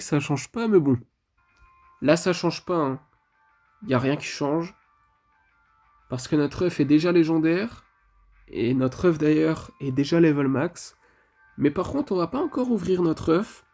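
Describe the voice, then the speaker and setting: A mobile game channel host chats casually over his match, leaning heavily on filler phrases. His voice is on the high side with a dark tone.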